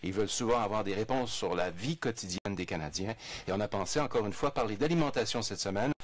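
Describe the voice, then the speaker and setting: A man's voice: lowish voice, fast talker, no echo. A man hosting a radio show in a studio, chatty and joking. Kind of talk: casual studio chat.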